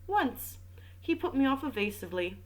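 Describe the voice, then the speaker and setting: A woman's voice: high voice, very animated, normal speed, pitched above the performer's own voice, low-quality recording. A woman voicing a worried, composed French wife in a casual read-aloud of a mystery novel, with a plain, polite delivery. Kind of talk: audiobook reading with commentary.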